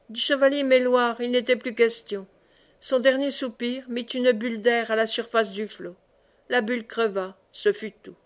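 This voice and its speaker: A woman reading a classic novel aloud as an audiobook, expressive in the dialogue. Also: a little high. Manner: expressive, raises voice for cries. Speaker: audiobook reader.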